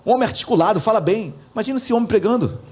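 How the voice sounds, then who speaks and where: A male pastor with a notably high speaking voice delivers a sermon. He addresses the congregation directly with frequent asides and changes his tone to act out the voices in the passages he quotes. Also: animated, rapid-fire, a little mellow, husky. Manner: acts out quoted dialogue with shifted intonation.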